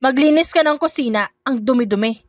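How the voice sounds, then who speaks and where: A spiteful stepmother in a narrated audio drama, bossy and scornful, as a woman puts her on. The voice sits a little high and sounds close and dry, with no room around it. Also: a little fast, dry recording, natural voice. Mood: scolding. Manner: sharp, scornful, sugary when on calls. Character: scheming two-faced stepmother, sweet on phone.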